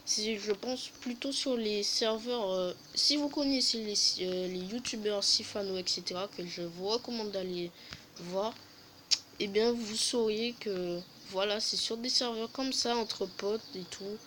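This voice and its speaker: A woman's voice: medium pitch, a little slow, a bit bright, slight background noise, rough recording. A woman hosting a casual game update review, hesitant, with many fillers and self-corrections and jokey self-mocking asides. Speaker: gaming video host.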